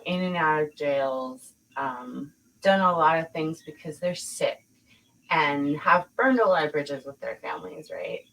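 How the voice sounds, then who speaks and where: A woman's voice: low-pitched, a bit bright, poor audio. A woman hosting a podcast, talking bluntly in a casual chat, swearing freely and laughing often. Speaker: podcast host.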